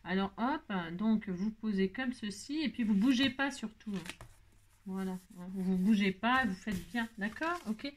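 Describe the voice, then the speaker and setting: A woman's voice: mid-range voice, a little slow. A tired woman hosting a casual crafting tutorial, chatty and self-mocking, talking straight to her viewers.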